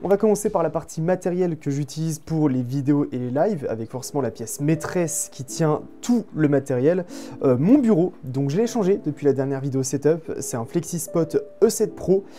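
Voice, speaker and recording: A woman's voice: deep voice, animated, fairly quick, mellow, faint music behind. A woman in her late twenties, a streamer, giving a casual, chatty and self-mocking tour of her studio. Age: late 20s. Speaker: streamer and video creator. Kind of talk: casual setup tour vlog.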